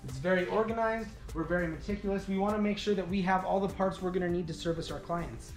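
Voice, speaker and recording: Man in his thirties, fairly high voice, relaxed walking tour, echoey indoor rooms, voice a bit off-mic, faint music underneath. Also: quick pace, recorded from a distance. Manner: relaxed, conversational, frequent fillers. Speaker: company representative giving a shop tour. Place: indoor warehouse and offices. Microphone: camera following him, mic at a distance.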